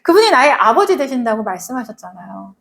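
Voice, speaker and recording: A woman's voice: a little high, sing-song, fast talker, vocal fry, a bit bright. A woman pastor preaching a sermon, earnestly repeating her points and calling on the congregation to answer. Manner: asks the congregation for responses. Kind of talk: leads closing prayer.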